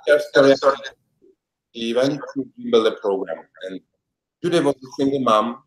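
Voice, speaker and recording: A man's voice: medium pitch, normal speed. A man from the Czech Republic with a Czech accent, speaking English as a second language and answering interview questions as a life coach in an earnest, heartfelt way. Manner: earnest, heartfelt, with non-native grammar. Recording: echoey room sound.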